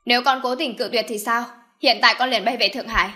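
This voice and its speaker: A woman's voice: fairly high pitch, steady tone, quick pace, sharp tone. A woman voicing an indignant young adult son in an audiobook, protesting and agitated. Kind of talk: audiobook character voice.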